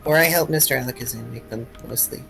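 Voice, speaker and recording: A man's voice: mid-range voice, fast, gravelly, a bit bright, soft background music. A man voicing a polite, modest young bat creature student in a tabletop role-play, hesitant and correcting himself. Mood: shy, modest.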